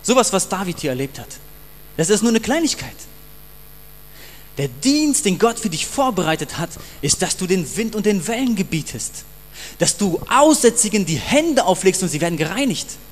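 A man's voice: high-pitched, big pitch swings, moderate pace, big-room sound. Passionate male pastor preaching. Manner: passionate, emphatic, addresses the congregation directly. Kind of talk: sermon.

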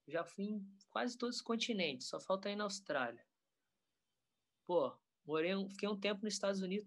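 A man, a professional skateboarder talking in a relaxed, rambling way full of slang. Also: high voice. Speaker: pro skateboarder guest. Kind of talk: casual interview chat.

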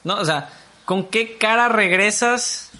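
Bright-voiced young Mexican man chatting. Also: sits high, takes it slowly. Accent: Mexican Spanish. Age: young adult. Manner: slangy, animated, swearing. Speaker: podcast co-host. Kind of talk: casual chat.

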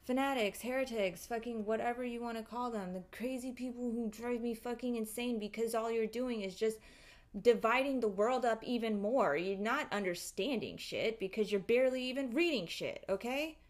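A woman with a somewhat high-pitched voice talks as a podcast host. She delivers a casual, opinionated monologue, ranting with exasperation and emphasis. Her talk is loose and full of swearing. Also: normal speed. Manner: heavy swearing.

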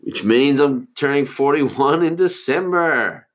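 Speaking slowly at a medium pitch, this podcast host in his forties rambles through a solo monologue. He wanders as he thinks aloud and frequently loses track of where he was going.

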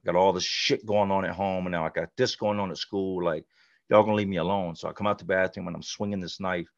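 Deep, gravelly middle-aged man, candid. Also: steady tone, quick pace, no room sound. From North Carolina, USA. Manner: blunt, conversational, frequent "like" and "you know". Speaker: podcast guest. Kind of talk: candid personal storytelling. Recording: dull, lo-fi dry sound.

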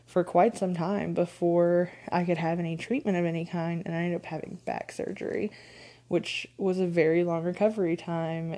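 A woman's voice: lowish voice, warm tone. A woman with a stuffed-up nose hosting a casual solo coaching podcast, talking conversationally with frequent ums and light laughs. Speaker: podcast host, confidence coach.

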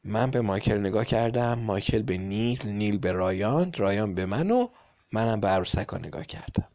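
A man reading a children's story aloud with lively, dramatic emphasis. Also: on the low side.

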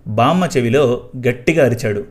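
Man reading a story out loud, quiet and even, first person. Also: medium pitch, moderate pace. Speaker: narrator.

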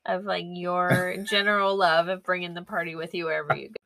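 A woman's voice: lowish voice, flat delivery, fairly quick, gravelly, bright, forceful tone. A woman co-hosting a podcast in casual chat, laughing often and adding short agreeing replies. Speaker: podcast co-host.

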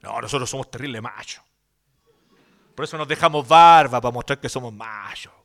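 A man doing a gruff boastful macho churchman. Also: a little fast, a bit bright. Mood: mocking. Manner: mocking, gruff exaggerated deep voice. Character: macho bearded evangelical men, boastful.

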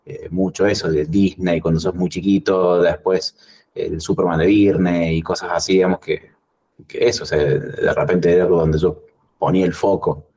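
An Argentine man chatting casually as a podcast guest, rambling and animated as he tells stories. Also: normal speed, breathy edge. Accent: Argentine Spanish. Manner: rambling storyteller, animated when recounting, lively pitch jumps. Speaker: guest cartoonist.

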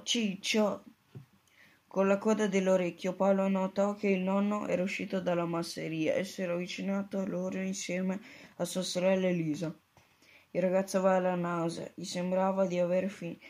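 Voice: medium pitch, flat delivery, moderate pace, a little mellow. A narrator reading a children's book aloud steadily, with small slips. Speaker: audiobook narrator.

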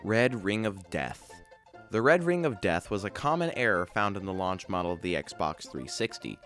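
A man's voice: sits low, very animated, moderate pace, a bit bright, faint music behind. A man hosting a podcast, reading scripted explainer narration about video game trivia in a dry, matter-of-fact way. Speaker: podcast host.

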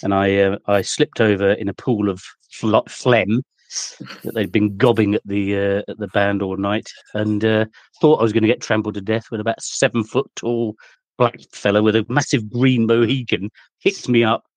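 A man telling a story in casual chat, dry and deadpan with quips. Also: lowish voice, normal speed, dry recording.

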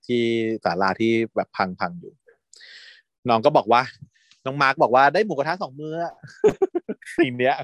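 A man's voice: mid-range voice, very animated, normal speed, a bit bright, dry recording. A man co-hosting a podcast, casually and animatedly retelling a series and acting out the characters' lines. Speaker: podcast co-host recapping a series. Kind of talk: casual chat.

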